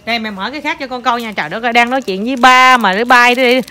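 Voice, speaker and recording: Chatty, animated mother, bright voice. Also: on the high side, fast. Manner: chatty and animated, coaxing and teasing the child, drops English words into her talk. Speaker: mother filming her child. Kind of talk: casual home vlog chat.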